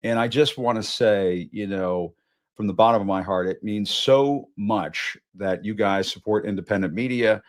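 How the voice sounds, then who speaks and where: A man in his fifties hosts a live political show. He talks in a slightly low voice, conversational but punchy, and curses now and then for emphasis. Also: normal speed. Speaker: host. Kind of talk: live news show sign-off. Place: Washington studio.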